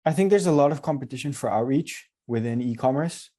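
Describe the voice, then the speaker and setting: A man's voice: mid-range voice, a little fast, warm tone. A man acting as a business coach on a video call, giving casual, direct advice.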